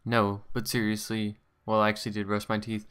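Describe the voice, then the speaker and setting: A man's voice: fairly low pitch, completely flat delivery, fairly quick, a bit bright, clear, resonant tone. A man giving casual, rambling gameplay commentary as a channel host, often correcting himself. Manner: rambling, offhand, self-correcting.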